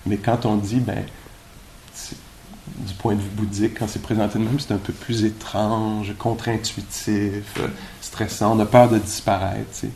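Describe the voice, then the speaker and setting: A man's voice: on the low side, little pitch movement, moderate pace, a little mellow, slight background noise. A man with a Québécois accent giving an informal, conversational dharma talk at a meditation retreat, musing aloud with rhetorical questions. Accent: Québécois French. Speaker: meditation teacher.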